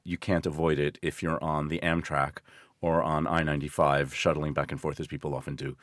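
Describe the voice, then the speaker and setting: An American journalist and risk consultant in his sixties, from the northeastern United States, tells stories as an interview guest in an articulate, explanatory, conversational way. His bass voice is a bit bright, fairly quick, and shows little pitch movement, captured in a dry, clean studio recording.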